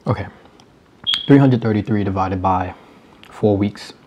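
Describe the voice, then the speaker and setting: A man's voice: on the low side, measured pace, a little mellow, dull audio. A young man in a casual vlog, reading an article aloud and commenting wryly while eating cereal. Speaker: YouTuber.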